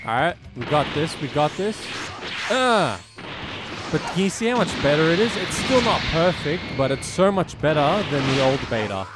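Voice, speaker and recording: A man's voice: on the high side, big pitch swings, moderate pace. A young man with a phlegmy, rattly chest voice rambles through casual gameplay commentary, slangy and repeating himself, as the host of a gaming video. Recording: game music behind voice. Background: video game music.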